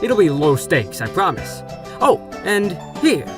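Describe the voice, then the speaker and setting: Voice actor doing a theatrical polite tv host guy, super animated, loud music under it. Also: medium pitch, measured pace. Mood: polite, calm. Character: theatrical, polite male TV talk show host gym leader. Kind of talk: showy talk show presenting.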